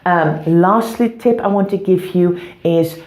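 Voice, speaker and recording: A woman's voice: lowish voice, unhurried, darkish tone. A woman hosting an instructional home organising vlog, giving tips to camera in an echoing bathroom. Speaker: home organising video host. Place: echoey bathroom, indoors. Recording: echoey bathroom room sound.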